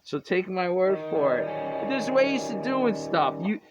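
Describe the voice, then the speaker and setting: A man's voice: high voice, very animated, a little slow. A man teaching guitar in a casual, rambling way, often correcting himself and chuckling. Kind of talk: casual music lesson. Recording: dull lo-fi with guitar playing.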